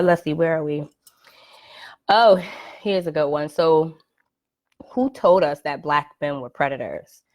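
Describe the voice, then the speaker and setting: Hosting her first live podcast from home, a low-pitched woman talks casually in a conversational monologue, peppered with "right?" checks and "um" fillers. The live video stream is picked up by a computer or phone mic.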